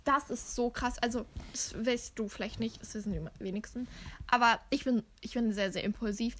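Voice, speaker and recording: A woman's voice: fairly high pitch, normal speed, a bit bright, a little hiss or hum. Chatty self-mocking young woman. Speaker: podcast co-host. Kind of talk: casual chat.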